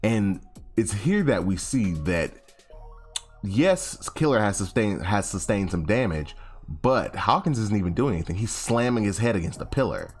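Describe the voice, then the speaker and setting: A man's voice: fairly low pitch, lively intonation, moderate pace, soft background music. A young man casually recapping a comic chapter, slangy and rambling, often correcting himself and acting out quotes. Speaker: anime chapter reviewer.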